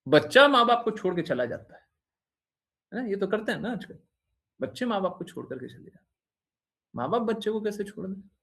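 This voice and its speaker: A man's voice: high-pitched, very animated, a little fast, gravelly, pauses often, sharp tone. Man teasing his devotees with tag questions. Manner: teasing, repeats phrases, frequent "हैं?" tag questions. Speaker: spiritual teacher addressing devotees. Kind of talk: informal devotional talk.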